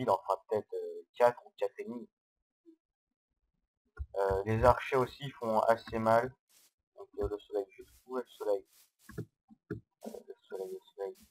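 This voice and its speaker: A man giving casual, hesitant gameplay commentary, explaining step by step on a low-quality microphone. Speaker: Minecraft let's-player.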